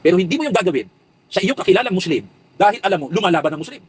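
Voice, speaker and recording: Man, fast impassioned commentary, husky, high and very lively pitch. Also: low-quality recording. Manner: preachy, rhetorical questions, repetitive emphatic lists.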